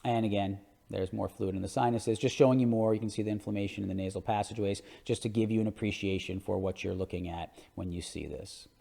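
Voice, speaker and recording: An orthodontist hosts an educational podcast, lecturing conversationally about images and dropping emphatic asides. His voice is fairly low, gravelly and dark, steady in tone, and he talks fast with hardly any pauses. The recording carries a long, hall-like reverb.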